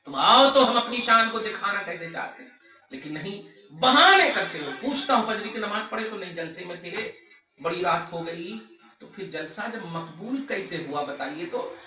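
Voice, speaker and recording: A male preacher with a very high, piercing, tense voice delivers an impassioned sermon, swelling into shouts and reciting Arabic phrases. He sits back from the microphone in an echoey room, so his words ring with reverb. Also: animated, moderate pace, recorded from a distance. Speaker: Islamic preacher. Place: gathering in a private home. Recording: echoey, voice from off mic.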